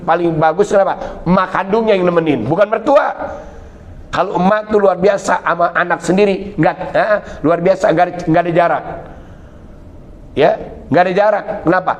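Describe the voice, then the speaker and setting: A man's voice: sits high, a little fast. A middle-aged man with a Betawi Jakarta accent giving a religious lecture, mixing teaching with comic storytelling and acted-out family scenes. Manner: lively storyteller acting out family scenes with shifting voices. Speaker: Islamic preacher.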